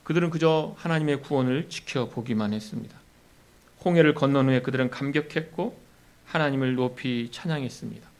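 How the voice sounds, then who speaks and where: A man preaching a sermon as a pastor. His voice climbs and gets louder when he voices the complaints of the people, then drops low and soft to close each point. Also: fairly quick. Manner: rises in pitch and volume when voicing complaints to God.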